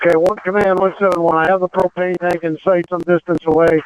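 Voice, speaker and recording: High-voiced man, urgent firefighter radio. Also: level tone, fast talker, clear, resonant tone. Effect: two-way radio transmission. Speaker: firefighter reporting to command. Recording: dull lo-fi two-way radio.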